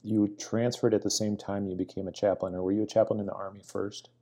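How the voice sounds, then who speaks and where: A man's voice: on the low side, level tone, quick pace, mellow. A middle-aged man hosting a conversational podcast interview. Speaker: podcast host. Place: inside a church.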